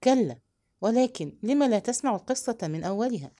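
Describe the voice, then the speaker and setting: A woman voicing a proud, bold yet tender young woman, speaking softly and intimately in a storybook reading. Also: fairly high pitch, animated, fairly quick, close to an everyday voice.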